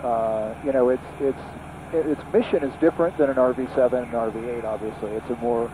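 A middle-aged man with a voice of ordinary pitch talks casually through a headset boom mic in the cockpit of a small plane in flight. He reviews the aircraft thoughtfully and often restarts his sentences. A loud engine drone runs steadily underneath his voice. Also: fairly even intonation, fairly quick, noisy background. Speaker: aviation magazine reviewer.

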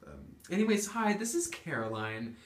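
A woman's voice: on the low side, very animated, moderate pace. A woman hosting a homemade video in casual, playful chat as she asks questions from behind a phone camera. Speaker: interviewer filming a challenge video. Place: small indoor study room. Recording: echoey small room, phone recording.

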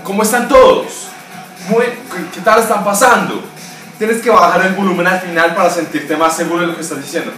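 A young man runs a casual, energetic vlog lesson on speaking up, and he keeps calling the viewer "amigo". His voice sits fairly high for a man. It is recorded from across a very echoey room, with faint noise underneath. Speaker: voice coach vlogger. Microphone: camera mic at a distance. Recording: echoey room, voice far from mic.

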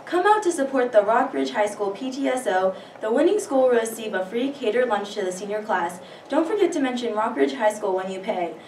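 Higher-voiced teen girl reading announcements. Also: animated, fairly quick, hardly any pauses, darkish tone. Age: teens. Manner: reads announcements steadily, with the odd stumble. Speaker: student news anchor. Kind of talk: school announcements. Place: school studio room. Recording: echoey room, distant mic, faint hiss.

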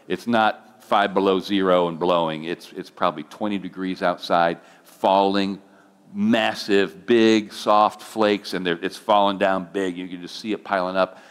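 A middle-aged man, a pastor, telling a personal testimony in a sermon, his voice climbing when he gets emotional. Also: deep voice. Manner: emotional storytelling, voice rising when moved.

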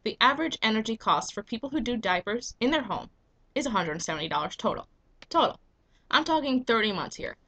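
Her voice is fairly high, sing-song, brisk, bright and forceful: a young American woman with an oncoming cold who vlogs and owns a business. Speaking to the webcam on her desk in a small room at home, she makes an earnest, emphatic argument packed with rhetorical questions.

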